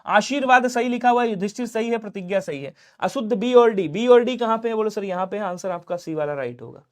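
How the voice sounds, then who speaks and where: A man teaching an exam-prep Hindi grammar lesson, quickly drilling questions and answering them himself in his students' voices. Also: high-pitched, lively intonation. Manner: drills quickly, urging speed.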